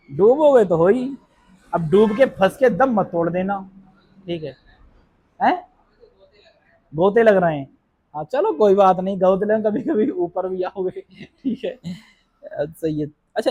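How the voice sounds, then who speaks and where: A male physics teacher giving a classroom lecture, asking the class questions and answering them himself, reading numbers out slowly and often checking in with a quick okay. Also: high voice, a little mellow. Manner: reads numbers out slowly and deliberately. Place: classroom with students present.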